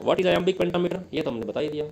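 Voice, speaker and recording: A man with an Indian accent giving an exam-prep lesson, asking questions and answering them himself, reading English lines slowly. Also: sits high, creaky, darkish tone, rough recording. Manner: explains in Hindi, reads English lines slowly. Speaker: teacher.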